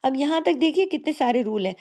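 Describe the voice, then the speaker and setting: A woman's voice: high voice, lively intonation, fast, dark tone. A woman teaching Quran recitation rules in a patient, step-by-step lesson, often answering her own questions. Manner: patient, explains each rule and asks rhetorical questions. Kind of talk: slow step-by-step tajweed lesson.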